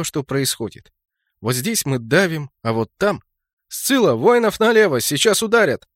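A man narrating a fantasy game novel in a steady storytelling voice, lifting it sharply for shouted lines. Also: mid-range voice, no echo, studio quality. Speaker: audiobook narrator.

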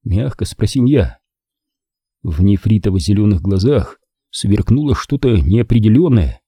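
A man narrating a first-person crime audiobook in a measured storytelling manner. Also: fairly low pitch, animated, mellow, slightly rough, no room sound.

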